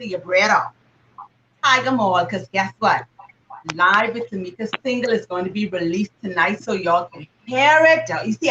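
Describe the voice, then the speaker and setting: She's a Bahamian live-stream host, chatty, exuberant, and effusive, addressing viewers as darlings and y'all. Her slightly high voice comes across pushed and bright, in a muffled recording with a touch of hiss or hum.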